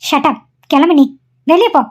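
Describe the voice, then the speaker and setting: A woman's voice: high voice, a little slow. A woman voicing a stern, short-tempered young mother in a cartoon, speaking harshly and scolding. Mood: angry. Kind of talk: cartoon voice acting. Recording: dull lo-fi recording.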